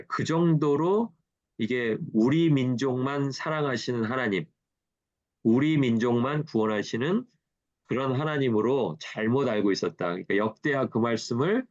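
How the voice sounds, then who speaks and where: A man's voice: medium pitch, highs cut off. A man, a pastor, teaching a Bible study in a conversational way, asking rhetorical questions and acting out quoted dialogue.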